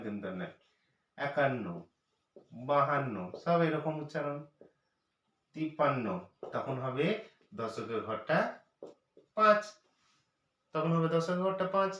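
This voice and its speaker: A man teaching children's number names as a lesson, speaking patiently and repeating each number slowly. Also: fairly high pitch, animated, a bit bright, lo-fi sound. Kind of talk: math lesson for parents and teachers. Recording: echoey room, voice from far off.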